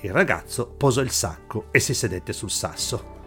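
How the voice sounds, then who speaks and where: A man reading a story aloud in a calm, measured audiobook narration over faint music. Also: lowish voice. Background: faint background music.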